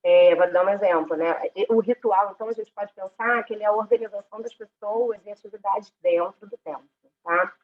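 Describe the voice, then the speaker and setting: A woman's voice: mid-range voice, a little fast, phone-quality sound. A woman with a Brazilian accent giving an online class lecture over a headset mic whose sound is distorted and clipping, often checking in with her listeners as she explains. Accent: Brazilian Portuguese. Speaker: religious studies teacher.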